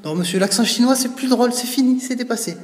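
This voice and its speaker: A man's voice: very high-pitched, fast. Young man, mock-formal help desk sketch. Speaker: comedy segment host. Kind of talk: comic sketch. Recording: echoey room.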